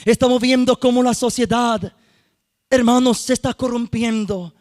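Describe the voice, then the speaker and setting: A man's voice: very high voice, steady tone, normal speed, a little mellow. A man preaching a sermon as youth minister, repeating phrases and addressing the congregation as brothers and sisters, sometimes lilting into a sung cadence. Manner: repetitive preaching with frequent "hermanos y hermanas" and sung-out phrases. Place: church sanctuary.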